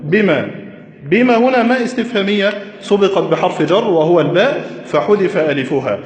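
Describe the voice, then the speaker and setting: A man teaching Arabic grammar at a whiteboard, slow and deliberate, quizzing his listeners with questions. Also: high-pitched, expressive. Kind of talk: classroom lesson at a whiteboard. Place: classroom with a whiteboard. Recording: echoey, reverberant room.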